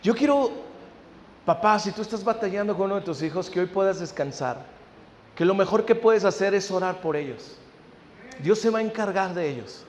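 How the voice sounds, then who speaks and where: A man's voice: high voice, animated, normal speed, slight background noise. A male pastor, preaching a sermon, often checking in with listeners and acting out family conversations. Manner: acts out family dialogue in anecdotes. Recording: long hall reverb.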